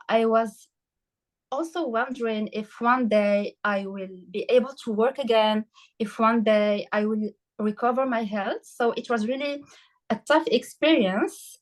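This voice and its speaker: A woman from Morocco, a health coach and podcast guest, talking through her story with many pauses, fillers and restarts, and some emotion. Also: on the high side, poor audio. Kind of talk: casual interview conversation.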